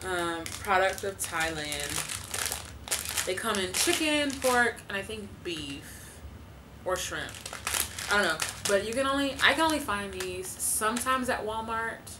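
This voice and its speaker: A woman's voice: medium pitch, lively intonation, measured pace, noisy background. A woman in her twenties chatting casually to camera from her living room, talking loosely with lots of fillers and laughs. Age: 20s. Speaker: vlogger.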